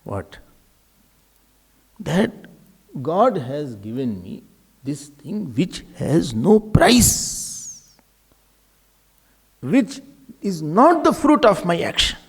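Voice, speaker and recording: A man's voice: a little high, big pitch swings, drawn-out words, gravelly, long pauses, slightly rough. A man with an Indian accent giving a spiritual discourse, emphatic and repetitive, asking rhetorical questions and slipping in Hindi phrases. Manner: mixes Hindi phrases into English.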